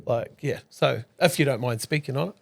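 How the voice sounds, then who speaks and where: A man's voice: mid-range voice, fairly quick, gravelly. A man hosting a casual interview, enthusiastic and chatty, with frequent agreeing fillers. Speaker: podcast host.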